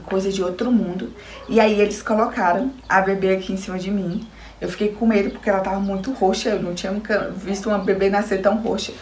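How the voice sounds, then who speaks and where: A woman's voice: medium pitch, echoey room, a little hiss or hum. A young Brazilian woman with a Brazilian Portuguese accent, telling her personal story to her viewers in an earnest, emotional way. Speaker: new mother giving a testimony. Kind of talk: personal testimony.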